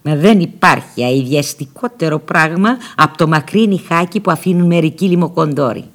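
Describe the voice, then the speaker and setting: A woman narrating a first-person novel aloud in an expressive, dramatic storytelling manner. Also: deep voice. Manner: expressive, dramatic storytelling with lively shifts in loudness. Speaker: audiobook narrator.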